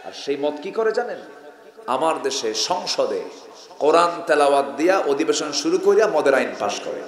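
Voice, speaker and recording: A man preaching an impassioned sermon at an outdoor gathering, jumping from soft asides to sudden shouts and calling on the crowd to answer back. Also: a little high, big pitch swings, normal speed, reverberant. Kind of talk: impassioned sermon with call-and-response.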